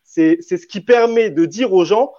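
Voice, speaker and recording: A man's voice: high voice, normal speed, warm tone, no room sound. A man arguing in a debate, hesitant, often restarting and repeating words. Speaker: debate panelist. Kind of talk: spontaneous debate argument. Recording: dull, dry lo-fi audio.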